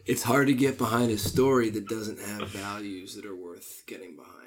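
A man's voice: fairly low pitch, fairly even intonation, moderate pace, very noisy. A man in casual conversation, speaking earnestly and laughing often. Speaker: podcast guest. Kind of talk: casual chat.

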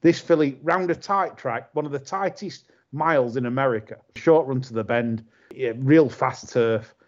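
A man hosting a casual podcast chat, talking in animated, exasperated bursts. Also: mid-range voice, moderate pace. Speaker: podcast host. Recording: slightly muffled audio.

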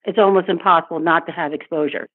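A middle-aged woman talks through an interview, pausing and restarting as she gathers her thoughts. Her voice is a little husky, and it comes through a narrow, tinny phone line. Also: lowish voice, fairly even intonation. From born in Vietnam, raised in Asia and Africa. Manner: thoughtful, with frequent restarts and light laughs. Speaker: interview guest.

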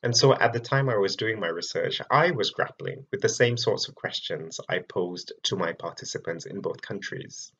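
Man, from Malaysia, researcher's talk, measured storytelling, breathy tone, muffled lo-fi audio. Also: low voice, a bit bright. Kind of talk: prepared public talk.

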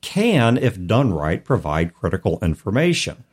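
Very animated and unhurried, with a lowish voice and a breathy edge, an American man co-hosts a conversational podcast about role-playing games. He walks through his reasoning in long, carefully qualified sentences.

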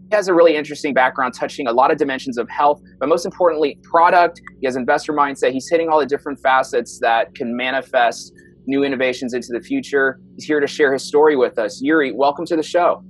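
A man's voice: mid-range voice, slightly rough, poor audio. A man hosting a health podcast, enthusiastically introducing his guest and stumbling over some words. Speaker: podcast host.

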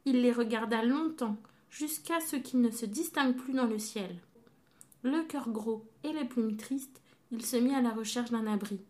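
Female storyteller, gentle, fairly high voice, child audience. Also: unhurried.

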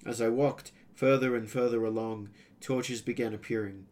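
A man reading a first-person fantasy adventure story aloud as its narrator, in a steady storytelling voice. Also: medium pitch, normal speed.

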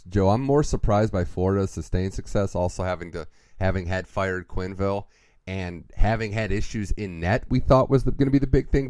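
A man hosting a hockey podcast, giving lively, opinionated takes in casual chat. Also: lowish voice, no room sound.

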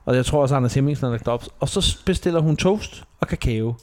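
A man speaking, chatting casually as a podcast co-host and telling animated stories that he fills with impressions of people. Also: mid-range voice. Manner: animated storyteller, mimics people, laughs often. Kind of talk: casual chat.

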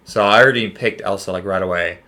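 A man's voice: deep voice, quick pace, bright, forceful tone. A young man chatting casually as co-host, laid-back and plain-spoken. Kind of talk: casual chat.

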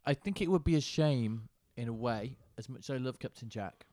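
A man's voice: medium pitch, fairly quick, mellow, no room sound, studio quality. A man co-hosting a podcast in casual chat, thinking aloud and asking questions. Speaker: podcast co-host.

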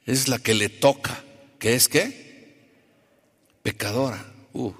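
A male preacher giving a sermon, conversational and animated, who keeps asking the congregation questions. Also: mid-range voice, slow pace, husky, faint music behind. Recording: long reverb of a large hall.

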